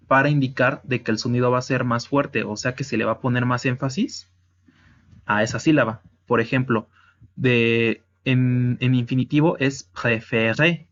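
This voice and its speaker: Guy going slow thru french verb conjugations, kinda dull lo-fi sound. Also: mid-range voice, a bit bright. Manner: slow, explanatory, with restarts. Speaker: French teacher. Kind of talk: slide-based language lesson. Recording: dull lo-fi audio.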